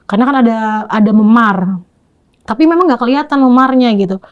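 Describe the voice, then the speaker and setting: A woman as an interview guest, giving a casual spoken account of events in a rapid, running way. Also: fairly high pitch, expressive, muffled recording.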